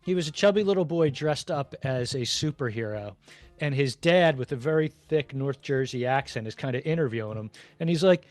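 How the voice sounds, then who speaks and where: A man co-hosting a casual podcast chat, telling stories with deadpan jokes. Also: mid-range voice, fairly quick, dry recording, faint music behind. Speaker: podcast co-host.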